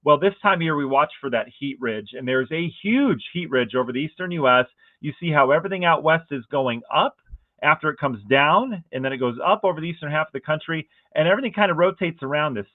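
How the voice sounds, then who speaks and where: A man giving a casual, conversational weather forecast, excited about the pattern and often asking viewers rhetorical questions. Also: fairly high pitch, fast talker, dry recording. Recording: dry, phone-like narrow band.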